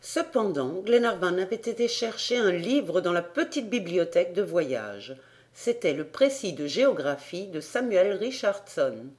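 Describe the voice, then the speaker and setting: A woman's voice: on the low side, a little mellow. Woman reading a classic novel aloud. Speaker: audiobook reader. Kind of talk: audiobook narration.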